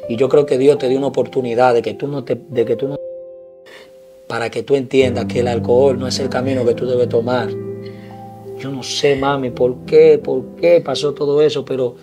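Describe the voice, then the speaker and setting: An actor gives a grown son who is done with his mother's drinking, firm and scolding at first, then soft and forgiving. His voice is mid-pitched. Music plays behind him in this moral drama. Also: flat delivery, normal speed, close to an everyday voice. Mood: tender. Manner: stern, then gently preaching. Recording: background music.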